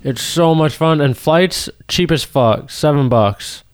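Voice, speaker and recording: A man's voice: fairly high pitch, slow, clear, resonant tone, no room sound. A young man co-hosting a podcast, telling casual stories in a slangy, sweary frat-bro manner. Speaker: podcast co-host. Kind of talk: casual banter and storytelling.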